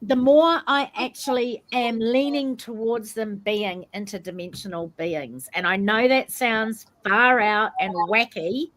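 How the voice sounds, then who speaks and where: A woman with a New Zealand accent hosts a casual podcast discussion, greeting in Maori and keeping things chatty and informal. Her voice is fairly high and a bit bright, unhurried yet with hardly any pauses.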